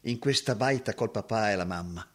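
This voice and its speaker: An actor playing a heartbroken former woodsman, moving from hushed remembering to anguished cries. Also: on the low side, moderate pace. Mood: wistful. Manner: emotional, swinging from hushed recollection to anguished cries. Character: heartbroken former woodsman haunted by lost love. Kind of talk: dramatic acting.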